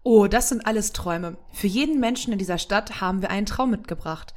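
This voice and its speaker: A woman's voice: mid-range voice, fairly quick, a little mellow, natural voice. A woman voicing a cheerful, proud female Santa who speaks in a friendly, reassuring way.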